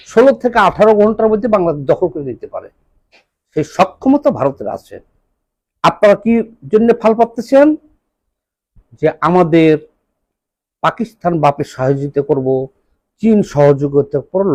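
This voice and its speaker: Delivering an impassioned political monologue, this high-voiced commentator with a Bangladeshi accent is emphatic and scolding, tossing out rhetorical questions. The recording is dry.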